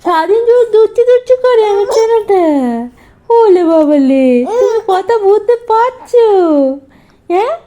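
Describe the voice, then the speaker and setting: A mother speaking soft, cooing, sing-song baby talk to her sick infant. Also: very high-pitched, animated, moderate pace, muffled recording.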